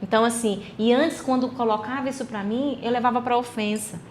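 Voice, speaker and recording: A woman's voice: fairly high pitch, steady tone, brisk, a little mellow, slight background noise. A woman with a Brazilian Portuguese accent, a podcast guest sharing a personal faith testimony in an earnest, reflective way.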